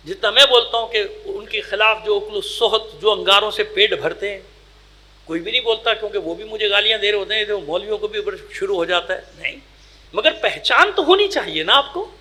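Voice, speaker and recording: High, bright-voiced man preaching a sermon. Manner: emphatic and scolding, with rhetorical questions; swings between loud outbursts and low asides. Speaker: Shia cleric giving a majlis. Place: imambargah during a mourning gathering.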